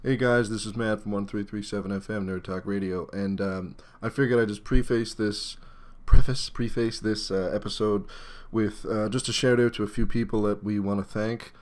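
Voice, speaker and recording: A man's voice: lowish voice, steady tone, moderate pace, hardly any pauses, a little hiss or hum. A young man co-hosting a casual podcast, talking in a rambling, hesitant way full of fillers. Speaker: podcast co-host.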